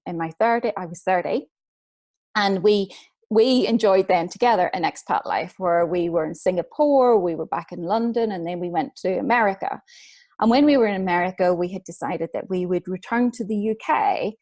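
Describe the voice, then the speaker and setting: A middle-aged woman with a Northern Irish accent, an author telling her personal story in a soft, reflective way. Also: mid-range voice. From Northern Ireland. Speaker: guest speaker, author and book coach.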